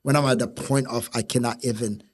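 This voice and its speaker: A man talking casually and reflectively, halting at times and repeating words for emphasis. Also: mid-range voice, steady tone. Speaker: co-host who preaches.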